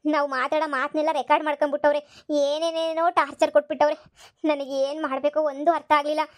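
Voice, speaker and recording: A woman's voice: high-pitched, flat delivery, fast, close to an everyday voice. A woman voicing a scheming young fake daughter who pleads tearfully. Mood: complaining. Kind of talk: cartoon voice acting.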